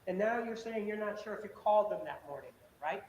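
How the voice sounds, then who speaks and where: A man's voice: sits high, expressive, fast, darkish tone, highs cut off, slight background noise. A man prosecuting at a trial, cross-examining a witness with pressing, repetitive, combative questions. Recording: echoey courtroom audio.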